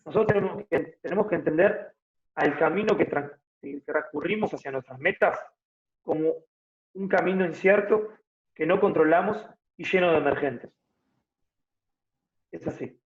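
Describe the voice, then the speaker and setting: Guest, 30s, Buenos Aires accent, fairly high voice, thinks aloud, slightly muffled audio. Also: male voice, normal speed, long pauses. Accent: Argentine Spanish (Buenos Aires). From Argentina. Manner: explanatory, thinks aloud with frequent tag questions. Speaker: guest, fitness motivator. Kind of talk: casual interview conversation.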